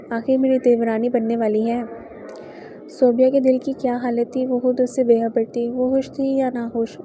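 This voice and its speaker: Steady, dark-toned woman reading a novel. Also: on the high side, slight background noise, rough recording. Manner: steady, even read-aloud narration. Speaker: audiobook narrator. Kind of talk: novel read aloud.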